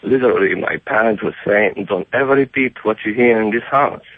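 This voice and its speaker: A middle-aged man from Romania calling in to a radio talk show, talking earnestly and halting over his words with many restarts, heard through a telephone line. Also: on the low side, creaky, no echo. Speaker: caller. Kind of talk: phone-in radio call. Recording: tinny phone line.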